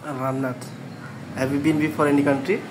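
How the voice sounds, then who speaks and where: A man conducts a job interview, firing short questions and echoing each answer back with an okay. His delivery is flat with little rise and fall. A faint hum of background noise sits under him. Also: mid-range voice. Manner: brisk, repeats answers back, says okay often.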